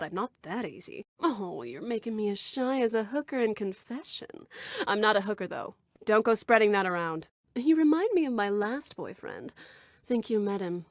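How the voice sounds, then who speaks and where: A woman's voice: mid-range voice, no echo, clean studio sound, natural voice. A woman voicing a flirtatious, brash bar owner in a video game, speaking in a sultry, suggestive purr. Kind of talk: video game character dialogue.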